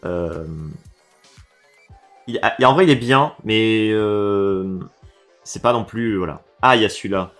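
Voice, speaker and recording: A man from France with a lower voice reacts to game levels like a casual streamer, speaking a little slowly and pausing often. He's animated, shifting from quiet low mutters to loud, excited outbursts and swearing freely. Faint music plays beneath his voice.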